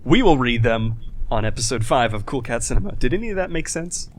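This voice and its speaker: A man's voice: mid-range voice, sing-song, brisk, over a noisy crowd. A man co-hosting a casual podcast, talking loosely and swearing freely. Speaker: podcast co-host.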